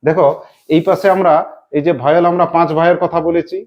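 A woman's voice: fairly low pitch, steady tone, quick pace, darkish tone. A woman teacher with a Purulia Bengali accent gives a classroom lesson, prompting her pupils to answer aloud in call-and-response.

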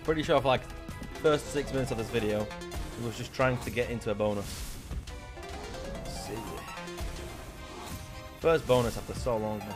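A man's voice: medium pitch, moderate pace, pauses often. A man in his twenties giving casual, exasperated, complaining commentary as he streams online slots. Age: 20s. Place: indoor room at a streaming setup. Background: game music.

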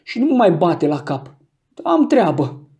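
A man voicing an angry, determined young man who shouts and gives orders, in an audiobook reading. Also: sits high, big pitch swings. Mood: commanding. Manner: shouting, commanding.

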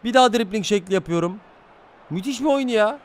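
A man's voice: high-pitched, brisk. Swearing young man streaming a football game. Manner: swearing, excitable, reacting loudly to play. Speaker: gaming streamer. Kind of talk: casual live-stream commentary while playing.

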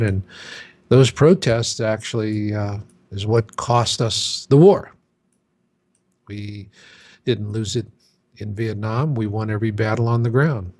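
A man's voice: lowish voice, a little mellow. A man in his sixties, a guest in an interview, talking in an emphatic, casual way. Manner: emphatic, acts out chanting crowds in quotes.

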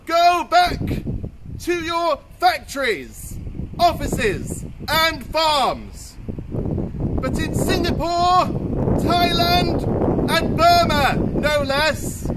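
A man bellowing a ceremonial rhymed proclamation as a town crier outdoors. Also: very high-pitched. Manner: bellowing, declamatory, projected outdoors. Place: outdoors in a town square by a war memorial and church. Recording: windy outdoor recording with street noise.

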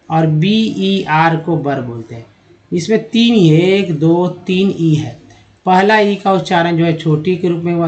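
A man teaching English reading in style lessons, talking to viewers as friends and reading word lists aloud slowly. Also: high-pitched.

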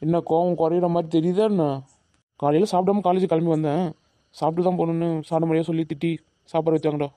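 A man's voice: a little high, little pitch movement, fast talker, dark tone, no echo, lightly acted. A man voicing an earnest young college student. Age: young adult. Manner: reassuring, pleading. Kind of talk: animated cartoon dubbing.

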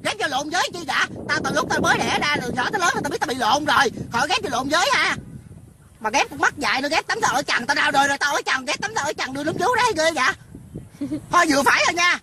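A woman's voice: high voice, animated, fast. A woman delivering a profane, insulting rant to camera outdoors. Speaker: online personality. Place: outdoors by a rain-filled pit. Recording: outdoor traffic noise behind.

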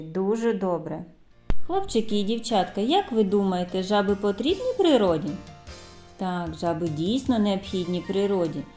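A woman teacher giving a literacy lesson to small children, speaking slowly and articulating each sound with care. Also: medium pitch, mellow. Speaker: preschool teacher.

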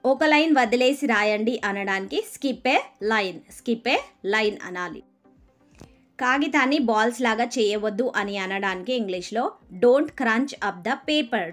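A woman with a Telugu accent teaching spoken English. She gives a phrase in Telugu, then says the English slowly and repeats it. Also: mid-range voice, a bit bright, faint music behind.

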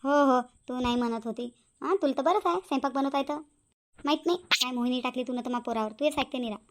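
A woman's voice: sits high, fast, background noise, close to an everyday voice. A woman voicing a quarrelsome middle-aged mother-in-law in a cartoon, nagging and accusing. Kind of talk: cartoon voice acting.

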